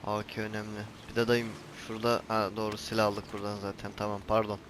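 Against a noisy background, a gaming channel host speaks fast and monotone in a lowish voice. He comments on his own casual let's-play, exasperated, scolding his character and swearing at the camera whenever he botches a jump.

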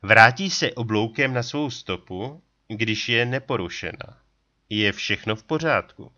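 A man's voice: medium pitch, expressive, bright, forceful tone, dull audio. A man voicing a small, stout, sly frontier trapper who talks in a folksy backwoods drawl, in an audiobook. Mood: sly lecturing. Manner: folksy, drawling backwoods talk with a pet catchphrase. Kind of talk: audiobook character voice.

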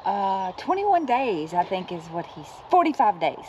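A woman's voice: medium pitch, very animated, a little slow, dull audio, crowd noise. A woman chatting casually outdoors on a travel vlog, hesitating as she talks, picked up by a companion's camera held at arm's length. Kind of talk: casual chat. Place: outdoors at an abandoned amusement park.

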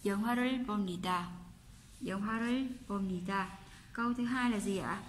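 A Korean teacher with a Vietnamese accent, a woman of medium pitch, explains textbook exercises and patiently repeats each example sentence slowly. There's slight background noise.

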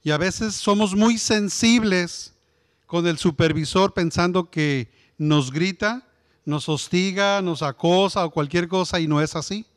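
A man leading a workplace communication workshop, animated and questioning the group directly. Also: sits high, measured pace. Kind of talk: interactive workshop talk to a group.

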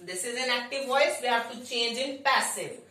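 A woman with an Indian accent teaching a lesson in a deliberate explaining manner, often checking that listeners follow. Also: a little high, bright, forceful tone. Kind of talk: instructional grammar lesson, mixing English and Hindi. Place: indoor room with bare walls. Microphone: distant camera microphone. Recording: very echoey room, distant microphone.

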